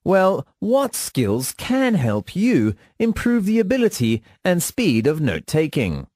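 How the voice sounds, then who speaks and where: A man delivering a scripted instructional monologue in a measured, formal teaching manner. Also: high-pitched, wildly swooping pitch, a little mellow, dry recording, studio quality. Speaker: lecturer.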